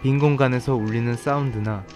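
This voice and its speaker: A man with a medium-pitched voice gives a scripted video narration. Faint music plays behind the voice-over. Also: fairly even intonation, fairly quick, darkish tone. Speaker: narrator of a film ranking video.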